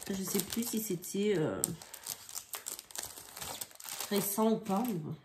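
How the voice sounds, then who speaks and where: A woman's voice: mid-range voice, moderate pace, a little mellow, a little hiss or hum. A woman chatting casually as she demonstrates scrapbooking at her craft table at home, improvising and often hesitating. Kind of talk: casual craft tutorial chat.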